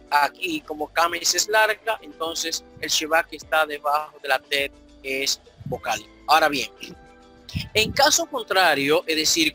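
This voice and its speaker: Slow, bright-voiced male teacher. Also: on the high side. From Dominican Republic. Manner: slow, explanatory, repeats key points. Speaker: Hebrew teacher. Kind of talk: online grammar lesson.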